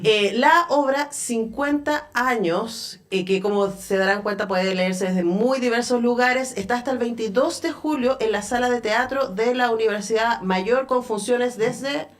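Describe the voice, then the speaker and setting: A woman's voice: on the high side, a little slow, few pauses. A woman with a Chilean accent hosting a radio interview in a studio, speaking conversationally and thinking aloud with small fillers. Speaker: radio host.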